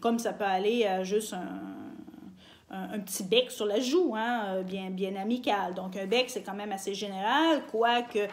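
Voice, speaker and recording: A woman's voice: medium pitch, animated, measured pace. A woman from Quebec with a Québécois accent, giving a casual video lesson on her channel, chatty with many fillers and easy laughs. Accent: Québécois French. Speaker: language teacher on her channel.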